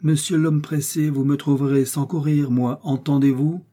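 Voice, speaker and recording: A man's voice: on the low side, fairly quick, mellow, natural voice. A man reading an audiobook, voicing a proud, wounded male musketeer who speaks with haughty menace. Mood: threatening.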